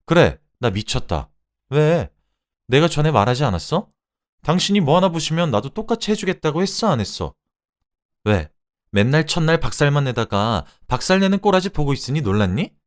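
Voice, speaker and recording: A man voicing a fed-up young wife who shouts and scolds her husband in a Korean radio-drama story reading. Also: on the low side, sing-song, brisk. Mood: mocking. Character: furious fed-up young wife, sharp-tongued.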